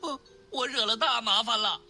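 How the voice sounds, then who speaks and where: A woman voicing a brash, mischievous male monkey king in a storybook, speaking loudly in a cocky manner. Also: on the high side, moderate pace, faint music behind. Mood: brash indignant. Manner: loud, cocky.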